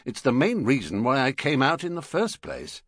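A man doing a brisk, harried husband. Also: medium pitch, huge pitch swings, fairly bright tone, breathy edge, no room sound, studio quality, pitched above the performer's own voice, heavily acted. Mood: exasperated. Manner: brisk, exasperated. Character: harried middle-aged English husband.

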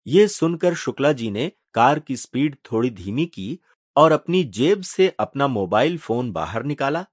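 Male audiobook narrator, slow measured delivery, lively intonation, dry close sound. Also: mid-range voice, slightly rough, no room sound. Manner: measured, expressive storytelling.

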